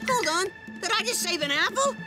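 Rasmo, a shrill giddy cartoon creature. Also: female voice, lively intonation. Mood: excited. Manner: exclamatory, quick swings of pitch. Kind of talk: cartoon voice acting. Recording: music underneath.

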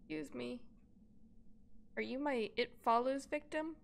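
A woman's voice: high-pitched, unhurried, gravelly. A woman playing a video game and commenting aloud in a chatty, joking way, reacting as she goes. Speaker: let's play gamer. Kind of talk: casual let's play commentary.

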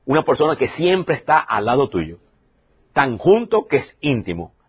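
A man in his sixties preaching a sermon as pastor, swinging from loud, emotional preaching to soft, quiet stretches. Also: medium pitch, very animated, normal speed, slightly rough, dull audio.

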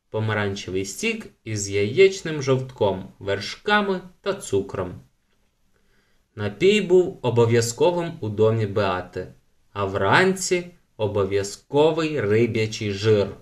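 A man reading a children's audiobook aloud in scripted storybook narration, evenly and lightly expressive. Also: on the low side.

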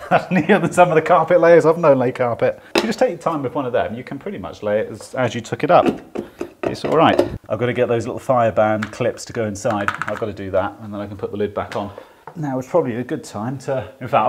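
A man's voice: medium pitch, noisy background. Chatty swearing tradesman on site. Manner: chatty, swears casually, jokey asides. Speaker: electrician vlogger. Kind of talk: casual on-site vlog. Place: house under renovation, indoors.

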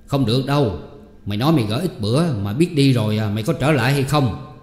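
A man voicing a gruff, stingy middle-aged man who scolds and makes demands. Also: mid-range voice, lively intonation, quick pace, darkish tone, close to an everyday voice. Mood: scolding. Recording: echoey room with long reverb.

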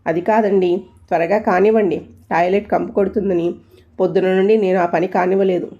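A woman's voice: medium pitch, steady tone, brisk, warm tone, close to an everyday voice. A woman voicing an innocent-seeming young bride who is coy and sly, speaking with sweet feigned innocence. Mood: pleading. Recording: dull lo-fi audio.

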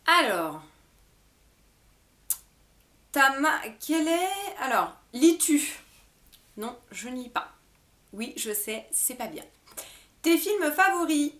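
A woman's voice: sits high, very animated, takes it slowly, pauses often, a bit bright. Chatty French-speaking young woman vlogger. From France. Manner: chatty, giggly, many fillers. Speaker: beauty vlogger. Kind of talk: casual FAQ chat to camera.

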